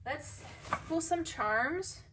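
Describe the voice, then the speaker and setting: A woman's voice: sits high, expressive, extremely slow, noisy background. A woman giving a casual tarot reading to camera, musing and chatty with many fillers. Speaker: tarot reader. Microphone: camera mic.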